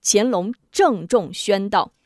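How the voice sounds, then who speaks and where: Lively woman storyteller, close and dry. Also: mid-range voice, takes it slowly, dry recording. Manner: lively, dramatic delivery. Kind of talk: traditional storytelling narration.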